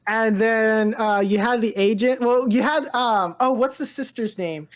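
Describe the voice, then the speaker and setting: Co-hosting a pop culture podcast, this woman speaks a little slowly in a slightly high voice. Her casual movie talk wanders, full of repeated words and self-interruptions.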